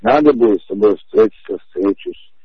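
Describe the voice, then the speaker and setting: A man in his forties arguing over the phone, calmly insistent and repeating himself to drive each point home. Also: fairly low pitch, moderate pace, vocal fry, breathy edge, no room sound. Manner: insistent, repetitive, calmly emphatic. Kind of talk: heated phone conversation. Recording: muffled phone-call audio.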